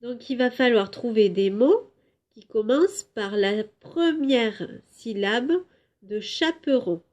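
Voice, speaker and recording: Slow, patient kindergarten teacher, woman. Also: a little high, lively intonation, darkish tone. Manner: slow, clear syllable-by-syllable teaching; drawn-out, emphatic words for children. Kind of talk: home lesson for young children.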